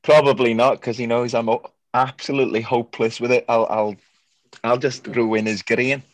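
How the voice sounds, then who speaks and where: This goalkeeper from North Wales, whose first language is Welsh, joins a video call as a guest and shares casual, chatty stories. His mid-range voice is level and moderately paced, with no room sound, and he laughs frequently and fills his speech with fillers.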